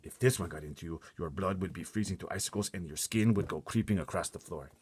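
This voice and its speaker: A man voicing a huge, excitable giant in a storybook, kindly but easily agitated, with muddled folksy grammar and theatrical exclamations. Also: low-pitched, fast talker, breathy edge. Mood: fierce, exasperated.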